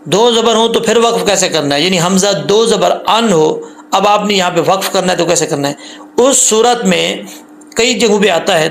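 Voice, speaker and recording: A man teaching tajweed rules patiently, repeating points and drawing out the recited syllables slowly. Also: sits high, creaky, a bit bright, a little hiss or hum. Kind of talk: tajweed lesson with slow recited examples.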